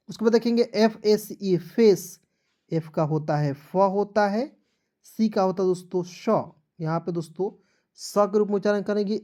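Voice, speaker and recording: A man's voice: high voice, mellow. A male teacher giving a spelling lesson, spelling words out letter by letter and often checking that the class has understood. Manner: spells words out letter by letter and keeps asking if it is clear. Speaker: English teacher.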